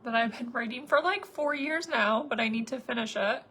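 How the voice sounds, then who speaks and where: Woman in her thirties, makeup vlogger, chatty and rambling, fairly high voice, faint background hiss. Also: moderate pace, bright, forceful tone. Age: 30s. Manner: chatty, rambling, many fillers. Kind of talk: casual chat to viewers while doing makeup.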